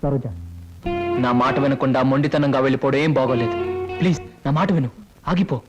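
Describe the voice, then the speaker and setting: An actor playing a determined young hero who speaks urgently and forcefully. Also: male voice, mid-range voice, brisk, highs cut off, loud music behind the voice, natural voice. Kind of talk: Telugu film drama acting. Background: film score.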